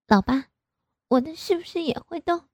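A woman's voice: very high voice, animated, normal speed, no echo, studio quality, voice pushed up. A woman voicing a coy, pouty young married woman in an audio story, speaking in a raised, wheedling voice.

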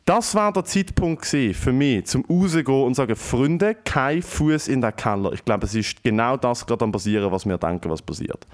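A young man with a Swiss German accent, animated and swearing often, telling a story in a casual chat with English slang mixed in. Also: medium pitch, brisk, few pauses.

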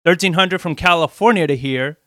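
A man's voice: fairly high pitch, fairly quick, pushed and bright, no echo, clean studio sound. Blunt man explaining in casual chat. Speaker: co-host.

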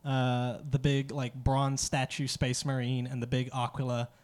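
A man's voice: mid-range voice, monotone, unhurried. A man co-hosting a casual podcast chat, rambling along with lots of "uh" and "um" fillers. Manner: rambling, filler-heavy delivery. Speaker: podcast co-host.

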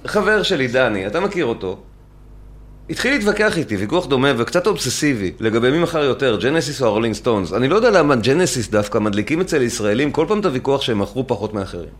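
A man's voice: mid-range voice, big pitch swings. A man hosting a music discussion panel over a call, arguing insistently and fending off interruptions. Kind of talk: heated casual debate.

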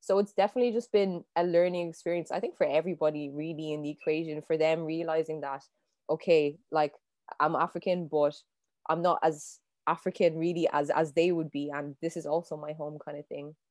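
A young woman talks things through in a relaxed, searching way, pausing on fillers and restarting her sentences. Her voice sits a touch low for a woman. The sound is close and dry, with no room around it. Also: no room sound. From Ireland. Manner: thoughtful, many fillers and restarts. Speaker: panel guest. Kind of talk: casual conversation.

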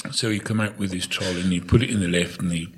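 Older man, English accent, heavily rasping husky tone, lower pitch, jovial casual anecdotes. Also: fairly even intonation, a little fast. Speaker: podcast guest, town crier and historical guide.

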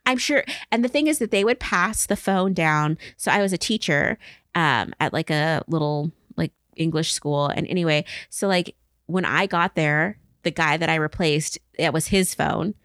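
A woman talks in a California Valley Girl way, scattering "like" through loose, casual chat. Her voice sits a little low. The sound is very dry, as on a co-hosted podcast. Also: moderate pace, fairly bright tone, no echo. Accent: California Valley Girl, West Coast American. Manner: Valley Girl talk peppered with "like". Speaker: podcast co-host.

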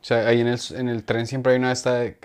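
A man's voice: medium pitch, completely flat delivery, fast talker, clear, resonant tone. Rambling chatty man. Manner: rambling, self-correcting, chatty. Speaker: podcast co-host. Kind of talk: casual comedy chat. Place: podcast studio.

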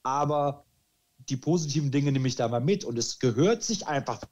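A man chatting as a podcast host, animated and restarting his sentences often with filler words. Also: mid-range voice, normal speed, muffled recording. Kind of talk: casual chat. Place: lives in Spain.

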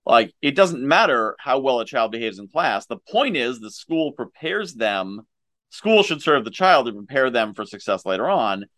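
A man hosting an interview, speaking in an animated, emphatic way when giving his views. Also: mid-range voice, moderate pace, no room sound. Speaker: interview host. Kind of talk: casual interview.

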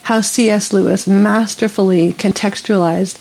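A woman from Canada speaks as a guest, her voice a little husky and breathy at mid pitch. She tells her story in a loose, chatty way, full of fillers and quick laughs. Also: rough recording. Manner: animated, laughs often, many fillers and restarts. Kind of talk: casual storytelling in an interview.

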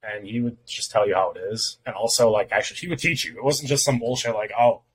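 Podcast guest, a man with a slightly husky voice, talking loosely and frankly. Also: medium pitch, fast, poor audio. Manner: loose and candid, swears casually. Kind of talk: casual chat.

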